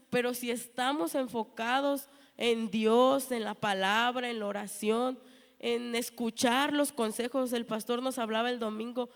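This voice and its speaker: A woman, giving an earnest personal testimony in church and acting out the dialogue she retells. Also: a little high. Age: 30s. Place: church hall. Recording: long hall reverb.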